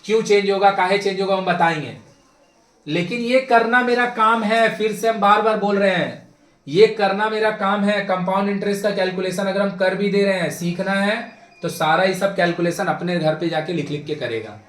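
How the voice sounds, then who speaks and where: A young male maths teacher, briskly lecturing a class and repeating his points insistently. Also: high voice, fairly bright tone. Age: young adult. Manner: brisk and insistent, repeats himself, prods students. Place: classroom with a board. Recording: echoey classroom.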